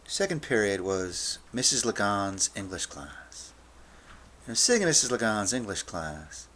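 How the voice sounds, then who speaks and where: A man in his fifties telling a story on stage, slow and dramatic, dropping to whispers and then rising to loud outbursts. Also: fairly low pitch, a little hiss or hum. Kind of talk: spoken-word storytelling.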